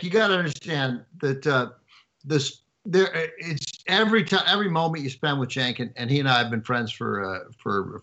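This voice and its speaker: A man's voice: mid-range voice, fairly bright tone. Dry-teasing man in his fifties, Jersey accent. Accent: New Jersey. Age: 50s. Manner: dry teasing, hesitant with many fillers. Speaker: podcast co-host. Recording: dull lo-fi remote audio.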